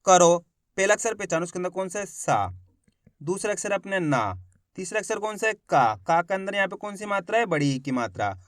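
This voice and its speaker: A man teaching Hindi reading, sounding out syllables slowly and addressing viewers as friends. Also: sits high, very animated, no echo, clean studio sound. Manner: slow drawn-out syllables when sounding out words. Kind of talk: spoken lesson to camera.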